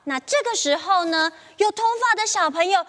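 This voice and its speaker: Very high, bright-voiced young female children's host. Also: lively intonation, normal speed. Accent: Taiwanese Mandarin. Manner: sing-song, exaggerated talk for small children. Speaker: children's TV game show host. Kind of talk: hosting a children's game. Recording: reverberant studio with faint music.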